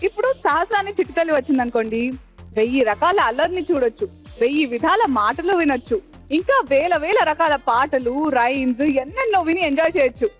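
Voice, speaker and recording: A woman's voice: high-pitched, animated, quick pace. A woman hosting a children's game show, cheery and coaxing, mixing English into her talk. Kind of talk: bubbly show hosting, Telugu mixed with English. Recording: music playing behind.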